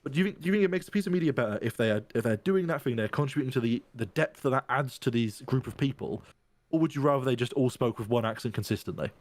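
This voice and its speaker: Podcast host, man of middle pitch, talks it through in long stretches, dead-dry recording. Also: lively intonation, fast talker, dry recording. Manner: explains at length, checks in with "right?". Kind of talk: casual podcast discussion.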